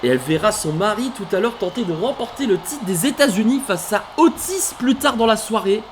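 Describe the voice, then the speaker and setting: A man calling a wrestling video game match play by play, animated, bursting into shouts at big moves and stopping to correct himself. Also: high-pitched, brisk, a little hiss or hum. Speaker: let's play commentator. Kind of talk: excited play-by-play game commentary.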